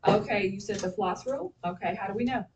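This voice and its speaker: A woman's voice: mid-range voice, fast talker. Woman teacher heard from across a classroom. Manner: prompting questions, frequent okay and all right. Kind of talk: classroom spelling lesson. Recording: distant classroom recording with faint noise.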